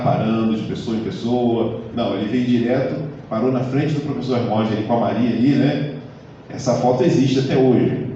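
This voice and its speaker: A man lectures in a casual, conversational way, often checking in with his listeners through tag questions. His voice is mellow and dark, heard from a distance. The hall is very echoey and the sound is dull. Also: mid-range voice, slight background noise. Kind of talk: live lecture to an audience. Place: lecture hall of a community center.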